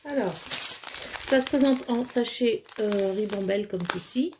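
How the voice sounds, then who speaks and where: A woman with a slightly high voice chats casually and unhurriedly while unboxing a craft kit at home, with noise in the background. She's a crafting vlogger who hesitates and uses lots of fillers but is clearly enthusiastic.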